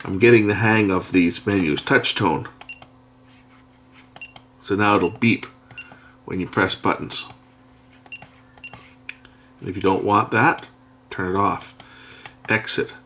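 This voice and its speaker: With slight background noise, a middle-aged man speaks in a low-pitched, fairly bright voice. He's a product reviewer doing a casual hands-on demo at an indoor workbench, talking himself through menus and thinking aloud as he presses buttons without rushing.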